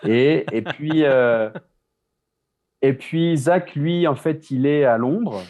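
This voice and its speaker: A man's voice: fairly high pitch, takes it slowly, a little mellow. A man from France, a business co-founder, talking casually as an interview guest, with many restarts and repeated words. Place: Mexico City.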